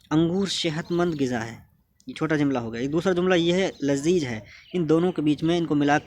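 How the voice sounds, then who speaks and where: A man's voice: fairly high pitch, darkish tone, a little hiss or hum. A man teaching a grammar lesson, patiently asking questions and answering them himself. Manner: patient, asks and answers his own questions.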